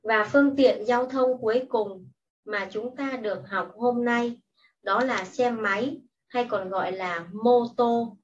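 Slow, patient woman teacher, muffled and distant. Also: on the high side. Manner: patient and explanatory, giving clear instructions. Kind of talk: slow, deliberate classroom instruction. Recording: distant, muffled mic with faint hiss.

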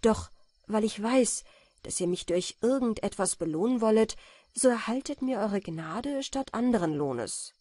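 A woman's voice: mid-range voice, expressive, measured pace, mellow, dry recording, studio quality, pitched above the performer's own voice. A woman voicing an earnest young apprentice. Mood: earnest, grateful. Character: earnest, noble-minded young male goldsmith apprentice.

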